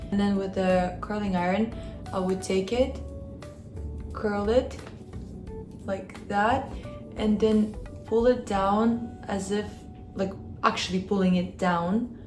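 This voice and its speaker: Recorded in an echoey home room in Hong Kong with faint ambience, a Kazakh beauty vlogger talks casually as she works through a hair tutorial. She sounds mellow and medium-pitched, chatty and open throughout.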